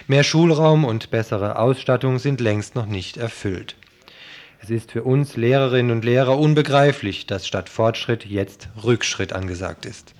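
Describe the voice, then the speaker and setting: A man's voice: mid-range voice, darkish tone. A man reading a scripted political commentary for radio.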